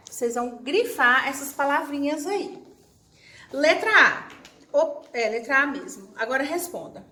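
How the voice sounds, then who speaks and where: A woman's voice: sits high, a bit bright. A Brazilian woman teacher recording a class for young children, chatty, talking about herself in the third person and acting out her pupils' questions. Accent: Brazilian Portuguese. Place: classroom or room at home with a whiteboard. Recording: echoey room, faint background noise.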